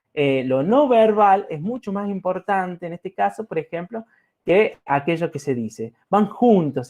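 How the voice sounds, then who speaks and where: High-voiced man giving a reflective talk. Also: darkish tone. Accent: Argentine Spanish. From Argentina. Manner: reflective, addresses listeners with frequent "¿no?" and fillers. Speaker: lecturer. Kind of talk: recorded talk to students.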